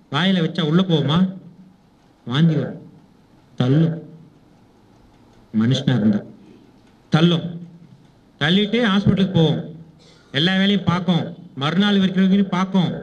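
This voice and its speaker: A man's voice: on the high side, a little slow, pauses often, breathy edge. A man giving a spiritual talk to an audience in a conversational way, often asking them questions and acting out short exchanges. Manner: conversational, questions the audience, acts out little dialogues. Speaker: spiritual teacher. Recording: dull lo-fi recording.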